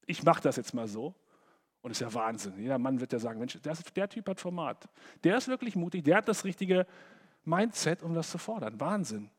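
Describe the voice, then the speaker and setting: Higher-voiced man preaching in a hall. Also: brisk, husky. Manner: conversational, animated, acts out imagined quotes. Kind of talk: sermon to young people.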